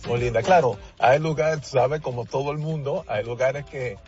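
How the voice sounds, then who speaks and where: A Dominican man, a singer, is a guest on the radio in a casual phone interview, his voice mid-range and his pace moderate. He's warm and chatty, often restarting his sentences and saying "así es." The line sounds dull and lo-fi, with faint music underneath.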